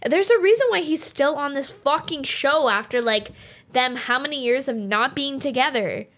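A woman's voice: high-pitched, expressive, moderate pace, fairly bright tone. A woman in her late twenties co-hosting a podcast, rambling casually with constant fillers and the odd swear word. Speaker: podcast co-host. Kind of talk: casual chat.

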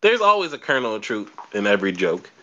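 A man's voice: on the low side, big pitch swings, quick pace, sharp tone, dull audio. A young man hosting a podcast, chatting casually and bluntly, swearing and repeating words as he thinks. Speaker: podcast host. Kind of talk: casual chat.

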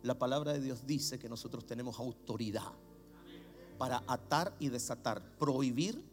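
A middle-aged man with a Chilean Spanish accent, preaching a sermon as a pastor, swinging from low murmurs to shouts. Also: moderate pace, faint music behind.

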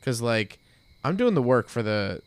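A man's voice: mid-range voice, very animated, a little slow, clear, resonant tone, no room sound. A young man co-hosting a casual podcast, blunt and teasing, swearing as he argues. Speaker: podcast co-host. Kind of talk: casual chat.

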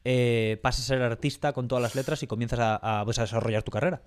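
A man's voice: medium pitch, steady tone, quick pace, clean tone. A man hosting a casual podcast interview, rambling and frank, swearing casually. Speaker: podcast host.

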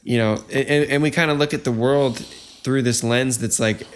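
A man's voice: medium pitch, steady tone, normal speed, slight background noise. A man co-hosting a podcast, talking casually and rambling with lots of "you know" and "like" fillers. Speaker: podcast co-host.

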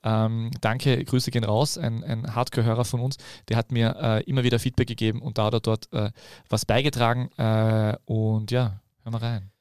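A man's voice: mid-range voice, level tone, normal speed, a little mellow, clean tone, no room sound, clean studio sound. A man with an Austrian accent hosting a podcast in casual chat, with frequent filler sounds and hesitations. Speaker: podcast host.

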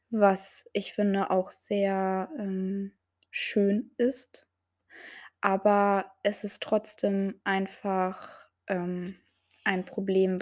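Slow, hesitant young woman podcaster. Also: mid-range voice, a little mellow. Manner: hesitant, many filler sounds, reads out quotes. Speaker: podcast host. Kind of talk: solo podcast talk.

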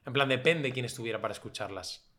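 Give me a man with a Spanish accent from Spain, talking as a relaxed podcast guest, bright-toned and loose with swear words. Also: mid-range voice, fast talker. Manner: relaxed and chatty, swears freely, quotes others in lively voices. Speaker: podcast guest, food creator. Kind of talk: casual chat.

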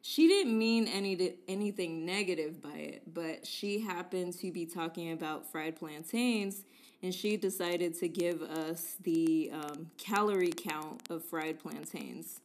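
A woman's voice: lowish voice, unhurried. A woman co-hosting a casual chat show, chatty and playful, often laughing and leaning on words for emphasis. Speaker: podcast co-host.

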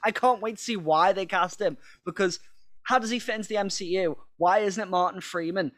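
A man's voice: high voice, brisk, a bit bright. A man co-hosting a podcast, chatting casually, rambling, laughing and swearing now and then. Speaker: podcast co-host. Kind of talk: casual chat.

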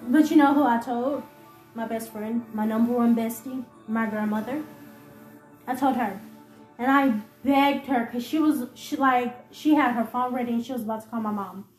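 A woman with a high voice tells a painful personal story, her delivery emotional and halting as she repeats herself. She sounds like she is in a roomy, echoing space, with soft music playing underneath. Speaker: podcast host. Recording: roomy echo with faint music.

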